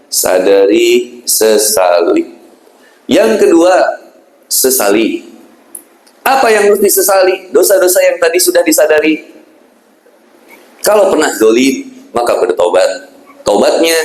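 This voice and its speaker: A man's voice: fairly high pitch, darkish tone. A man preaching a casual, conversational sermon, asking rhetorical questions and acting out pleading prayers. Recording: echoey room with faint ambience.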